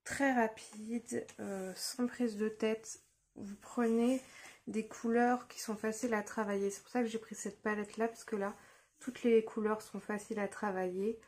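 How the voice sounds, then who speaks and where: A young woman casually talking through a makeup tutorial, relaxed and hesitant with lots of fillers, recorded on a phone at home. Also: a little high, unhurried. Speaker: beauty vlogger. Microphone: phone camera.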